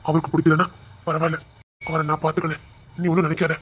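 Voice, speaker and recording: A woman's voice: deep voice, little pitch movement, quick pace, slight background noise, lightly acted. A woman voicing a drunk, possessive young husband who slurs and insists. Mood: earnest insistent.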